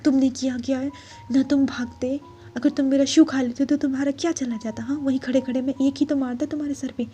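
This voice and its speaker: A woman's voice: high voice, fairly even intonation, a little fast, dark tone, soft background music, voice pushed up, natural voice. A woman doing a panicky young college guy. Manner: anxious, fretful.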